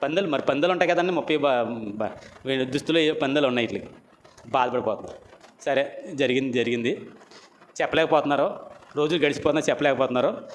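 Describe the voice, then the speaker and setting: A middle-aged male preacher telling a Bible story in an animated way, acting out the characters' lines. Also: medium pitch, fast talker, long pauses, a little hiss or hum. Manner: animated storytelling, acts out quoted voices. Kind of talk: sermon, Bible story retelling.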